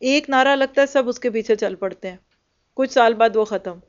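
A woman's voice: fairly high pitch, moderate pace, clean tone, lo-fi sound. A woman teaching the Quran, giving an earnest religious lecture that urges listeners on and mixes in English words.

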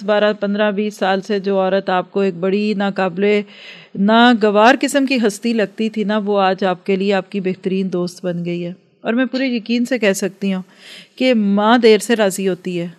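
A woman giving an earnest religious lecture to a class, advising and acting out everyday dialogues. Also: medium pitch. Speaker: religious teacher.

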